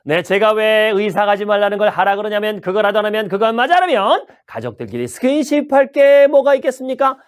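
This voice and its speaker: A man putting on the voice of a pushy subway peddler, booming out a sales pitch full of rhetorical questions to passengers. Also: expressive, fairly quick, hardly any pauses, clean tone. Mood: hawking. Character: loud pushy male subway peddler hawking a gadget.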